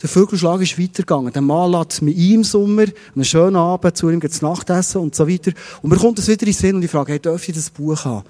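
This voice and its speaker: A man's voice: sits high, quick pace, hardly any pauses, mellow, in a large hall. A middle-aged man preaching a sermon as pastor in a Swiss German accent, posing one rhetorical question after another.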